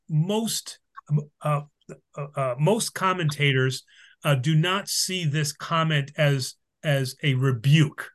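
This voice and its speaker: Guy priest explaining scripture to a group, fairly high voice, lots of ums and restarts. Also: fairly bright tone. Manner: halting, many fillers and restarts. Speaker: priest leading a Bible study. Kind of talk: casual teaching.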